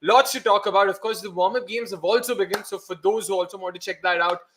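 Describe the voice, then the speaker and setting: An energetic man with an Indian accent hosts a casual sports show. His voice is high and very quick, switching languages mid-sentence. The room is echoey. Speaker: host of a cricket preview show. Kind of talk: casual sports chat, mixing Hindi and English. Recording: roomy echo, faint background noise.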